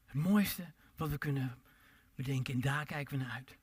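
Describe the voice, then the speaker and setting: A man preaching a sermon, swinging between loud emphatic calls and quiet low asides, and drawing out his words when he quotes scripture. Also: breathy edge. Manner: drawn-out pleading delivery when quoting scripture.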